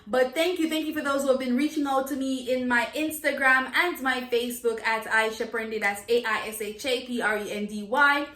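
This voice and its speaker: Echoey, high-voiced Jamaican Patois-speaking woman. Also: fairly quick, few pauses, pushed and bright. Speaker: Jamaican Patois teacher, video host. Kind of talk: informal language lesson to camera, mixing Jamaican Patois and English. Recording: echoey, roomy sound.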